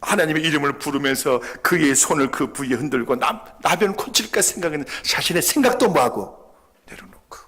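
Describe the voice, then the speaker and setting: A man's voice: on the high side, expressive, fairly quick, a bit bright. A man preaching a sermon as pastor in a church, often asking his congregation rhetorical questions. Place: church sanctuary.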